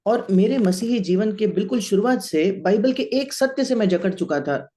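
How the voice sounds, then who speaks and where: High, mellow male interpreter. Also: normal speed. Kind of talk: sermon interpretation.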